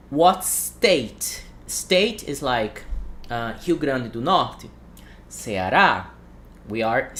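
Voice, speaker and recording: A man's voice: mid-range voice, a bit bright. A man from Brazil with a Brazilian accent, a native Portuguese speaker teaching an English lesson on a livestream, repeating phrases for students to echo.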